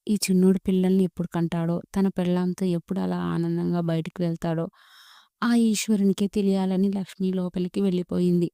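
A woman narrating a romantic storybook in a steady, even reading manner. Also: fairly low pitch, fairly quick, clear, resonant tone, no room sound, clean studio sound.

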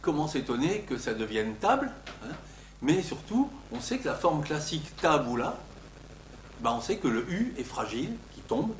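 Animated older male lecturer, echoey room. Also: fairly high pitch, slight background noise. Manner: animated, emphatic on example words, frequent hesitations. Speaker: linguistics professor lecturing. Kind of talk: academic lecture.

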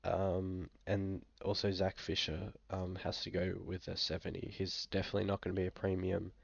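Deep, creaky, and completely flat, the voice belongs to a young Australian man speaking at normal speed who's a little sick and coughs now and then. This fantasy football vlogger casually and hesitantly runs through a screen-share review with many fillers. The audio from his small indoor room is dry and dull.

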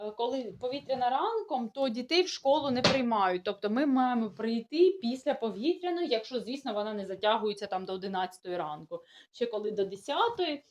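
Here a young woman with a sore throat, a native Russian speaker who vlogs about village life, talks casually to her viewers about daily matters. Her voice sits on the high side, with brisk delivery and lively intonation, and she rambles, starts over and seems puzzled.

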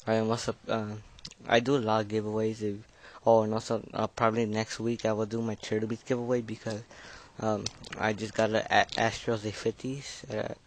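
A man's voice: on the low side, flat delivery, fairly quick, few pauses. A nervous fifteen-year-old boy giving a casual gameplay commentary, mumbling and hesitant, his speech slightly slurred by braces. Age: teenager, fifteen. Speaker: gaming video creator.

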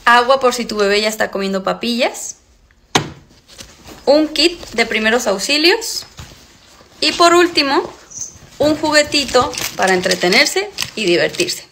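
A woman's voice: on the high side, expressive, measured pace, pauses often. A woman in her twenties presenting a short list video to viewers indoors, with noise and clicks. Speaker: content creator, new mother. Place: small room indoors.

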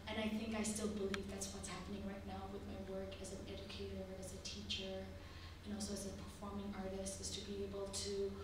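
A woman in her thirties who grew up in Bangladesh and Indonesia, speaking earnestly as a theater teacher on a panel, pausing to find her words. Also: medium pitch. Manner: earnest, searching for words, many pauses. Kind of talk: panel discussion answer. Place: large lecture room, indoors. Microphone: table mic, heard from a distance. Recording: echoey room from far off, with noise.

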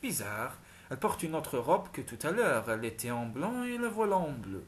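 A man voices a witty young brother, jovial and teasing, pitched a little high. He banters lightly in a romance audiobook. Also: big pitch swings, normal speed, slight background noise. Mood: puzzled.

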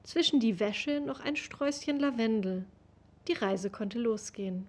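Young woman, literary reading, fairly high voice, very slow pace, webcam recording at home. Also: darkish tone. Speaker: reader of literary texts. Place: home room with bookshelves.

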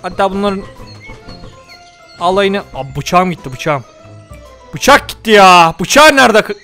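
A young man playing a survival game, joking and telling his viewers what he does. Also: sits high. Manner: joking, exclaims and scolds the game loudly. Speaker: gaming YouTuber. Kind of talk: comedic let's-play commentary.

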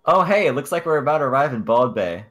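A man's voice: medium pitch, very animated, quick pace, fairly bright tone, faint music behind. A man voicing a friendly, chatty cartoon game cat, reading the dialogue aloud with amateurish bad acting.

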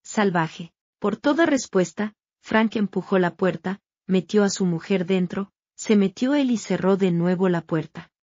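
Woman, audiobook narrator, steady storytelling, mid pitch, dry slightly dull recording. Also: a little slow, few pauses, no room sound.

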